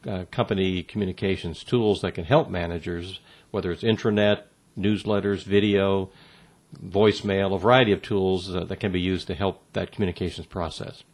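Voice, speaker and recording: Halting low-voiced man, interview guest. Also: steady tone. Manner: measured, halting, many fillers and restarts. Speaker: interview guest on workplace communication. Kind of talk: answering interview questions.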